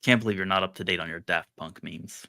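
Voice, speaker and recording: A man's voice: deep voice, fast talker, creaky, pushed and bright. A man co-hosting a sports podcast in casual chat, playful and teasing with his co-host.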